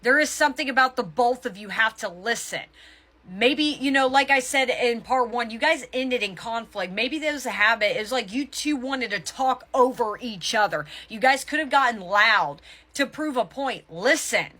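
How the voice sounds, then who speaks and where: Bright, pushed, and on the high side with lively intonation, a woman's voice leads a casual tarot reading for viewers. She speaks forcefully but often breaks off to correct what she's saying.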